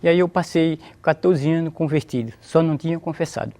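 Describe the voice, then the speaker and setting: A man's voice: a little high, a little fast, warm tone. A Brazilian man telling his story of religious conversion, repeating phrases and praising God as he talks. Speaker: interviewee giving a testimony. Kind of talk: emotional religious testimony.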